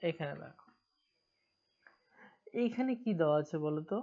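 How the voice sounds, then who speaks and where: A woman's voice: low-pitched, animated, moderate pace, mellow. A woman with a Bengali accent teaching English grammar in an online lesson, asking her students questions and answering them herself. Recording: dull lo-fi recording.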